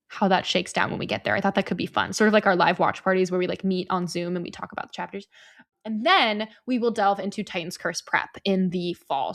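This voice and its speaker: A woman co-hosting a podcast in casual chat, playful and quick to laugh. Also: medium pitch. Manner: playful, giggly, bubbly. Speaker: podcast co-host.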